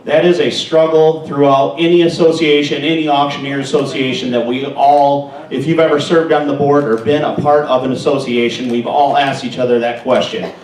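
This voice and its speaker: A man's voice: on the high side, darkish tone. An American man working as an auctioneer, speaking at a live competition. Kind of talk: competition interview answers and live auction chant. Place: large indoor hall at a live contest. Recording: echoey hall, distant microphone.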